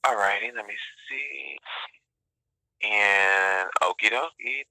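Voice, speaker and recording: Polite male phone agent, very bright. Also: on the low side, takes it slowly, dry recording. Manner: scripted politeness, filler-heavy. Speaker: support line agent. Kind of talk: customer service phone call. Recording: tinny phone line.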